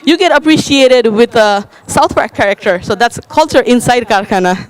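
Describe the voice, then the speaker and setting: A woman's voice: a little high, moderate pace, rough recording. A woman from Nepal presenting at a conference panel, hesitant with many uhs and likes. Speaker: panel speaker.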